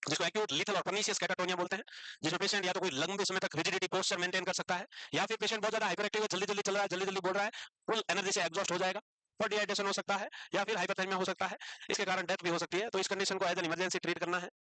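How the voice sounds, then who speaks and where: A man teaching psychiatry to a class, brisk and scolding, calling his students "beta" and mixing English medical terms into his Hindi. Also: high-pitched, level tone, sharp tone, dry recording. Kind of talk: classroom lecture.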